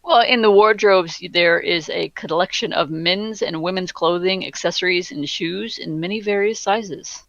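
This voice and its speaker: A woman narrating a tabletop game as game master, describing the scene in measured tones over dull lo-fi sound. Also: on the low side, a bit bright, no echo.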